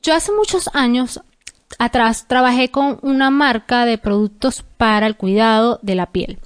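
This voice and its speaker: High-voiced woman, earnest podcast co-host. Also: unhurried, clear, resonant tone. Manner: earnest, explanatory. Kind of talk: casual podcast chat.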